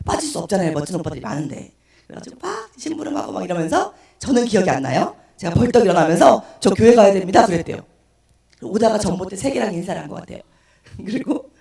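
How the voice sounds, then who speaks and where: A woman's voice: medium pitch, gravelly, darkish tone. A woman guest speaker with a strained, unclear voice, giving a personal testimony at a church service and acting out the voices in her story. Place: church sanctuary. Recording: echoey room, distant mic.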